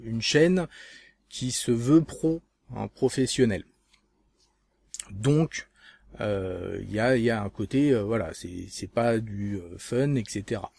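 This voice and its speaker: A man's voice: medium pitch, creaky, mellow, slightly rough, no echo. A man from France hosting a casual video blog, speaking hesitantly with many fillers and restarts. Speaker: vape channel host.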